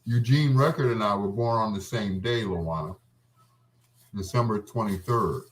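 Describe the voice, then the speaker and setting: This man hosts a radio show, speaking at a normal speed in a voice on the low side. In the gaps between love songs, he tells personal stories in a relaxed, wandering, nostalgic way.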